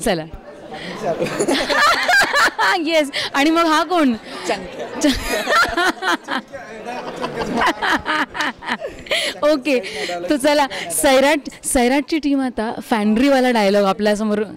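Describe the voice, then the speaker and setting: A woman's voice: high voice, very animated, extremely slow, long pauses. Playful woman host over crowd chatter. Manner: teasing, laughing often. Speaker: radio host interviewer. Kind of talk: casual interview.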